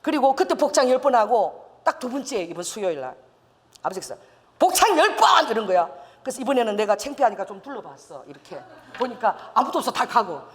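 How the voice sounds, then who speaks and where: An older woman pastor telling a lively testimony in a sermon, laughing and acting out quotes. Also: mid-range voice, fast, big-room sound. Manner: storytelling with laughs and acted quotes. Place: church sanctuary.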